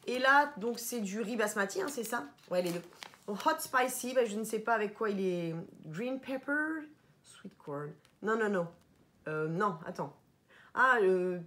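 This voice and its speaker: A woman vlogging casually about her shopping haul, chatty and animated, stumbling over foreign words, and sounding tired. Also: on the high side, slight background noise. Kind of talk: casual haul vlog chat.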